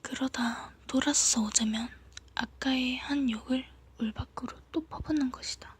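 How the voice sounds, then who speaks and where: A woman reads a story aloud for ASMR. She whispers as if leaning in close, soft and hushed. Her voice is almost all breath, with very little voiced tone. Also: high-pitched, fairly even intonation, normal speed, slightly rough. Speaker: ASMR reader.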